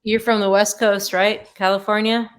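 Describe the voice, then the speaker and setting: A woman's voice: mid-range voice, level tone, moderate pace. Chatty, teasing young American woman. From USA. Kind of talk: casual video chat. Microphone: video call.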